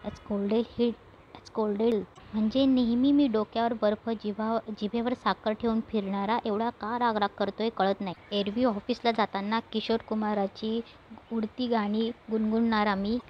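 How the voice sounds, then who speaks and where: A woman's voice: fairly high pitch, fairly even intonation, measured pace, close to an everyday voice. A woman reading the lines of a troubled young married man earnestly confiding in his mother. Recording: muffled with faint hiss.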